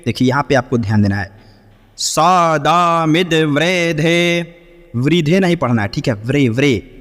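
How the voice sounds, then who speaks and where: Man chanting mantras in a reverberant hall. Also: medium pitch. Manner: explains in quick bursts, then chants slowly and melodically; checks in often with short affirmations. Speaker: Vedic chanting teacher. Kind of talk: pronunciation lesson with chanted Sanskrit mantras.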